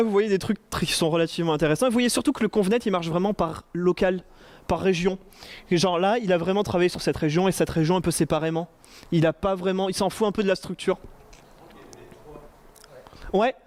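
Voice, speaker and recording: Chatty high-voiced man giving a talk. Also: a little mellow. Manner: chatty, joking, many fillers and restarts. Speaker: conference speaker. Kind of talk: casual tech talk with slides. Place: conference room before an audience.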